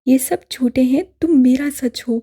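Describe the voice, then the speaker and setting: Woman doing a tearful devoted mother, insistent, breathy dark tone. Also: high-pitched, a little slow. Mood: pleading. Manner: insistent, emotional. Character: adoptive mother, fiercely loving and tearful.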